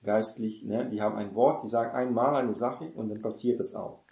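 A man's voice: on the low side, steady tone, a little fast, gravelly, a little mellow, echoey room. A man giving an informal sermon on parenting, rambling and searching for words, tagging his sentences with "ne?". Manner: self-correcting, searches for words. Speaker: preacher teaching on parenting.

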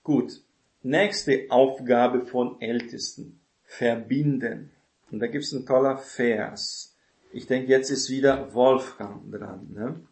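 Mann, lockere Bibellehre in hallendem Raum. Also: male voice, medium pitch, steady tone, slow, a little mellow, reverberant. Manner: conversational, frequent tag questions, acts out quoted voices. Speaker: preacher teaching on church elders. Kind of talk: informal Bible teaching.

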